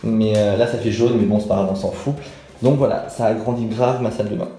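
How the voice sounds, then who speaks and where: Casting: young male vlogger, warm mellow tone, chatty and excited, filmed on a camera at home. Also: lowish voice, brisk, faint music behind. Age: 20s. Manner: chatty, enthusiastic, lots of fillers. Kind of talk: casual vlog chat to camera. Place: small bathroom at home, resonant.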